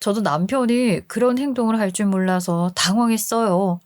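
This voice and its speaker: A woman's voice: medium pitch, moderate pace, darkish tone, no echo, clean studio sound. A woman narrating a first-person family story as a scripted radio storyteller, in an aggrieved, emotional manner.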